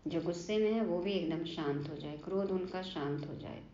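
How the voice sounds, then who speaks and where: A woman delivers an earnest devotional sermon in a lowish, mellow voice. She poses questions and answers them herself, nudging listeners with short prompts. The recording is roomy and slightly muffled. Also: moderate pace. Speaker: spiritual teacher explaining a daily lesson.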